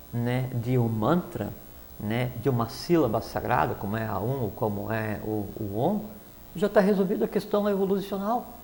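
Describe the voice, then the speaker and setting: A man's voice: medium pitch, a little mellow. Rambling man explaining spirituality. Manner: rambling, many fillers and restarts. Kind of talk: casual explanatory talk.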